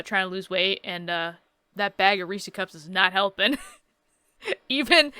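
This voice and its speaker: A woman's voice: mid-range voice, pushed and bright, clear, resonant tone, dry recording. A woman in her thirties casually reading game text aloud and adding wry, joking asides in a playthrough. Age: 30s. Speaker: let's play host.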